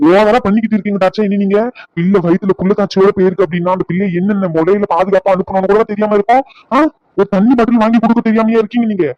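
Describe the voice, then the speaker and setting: Guy doing an angry cartoon husband yelling, super fast, kinda muffled lo-fi sound. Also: high voice, little pitch movement, dry recording, close to an everyday voice. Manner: shouting, accusing. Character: angry young husband storming home. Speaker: cartoon character.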